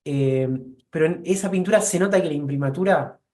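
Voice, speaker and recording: Hesitant Rioplatense man with a mellow voice. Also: fairly high pitch, a little fast. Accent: Rioplatense Spanish. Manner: hesitant, searching for words. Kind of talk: live online painting class.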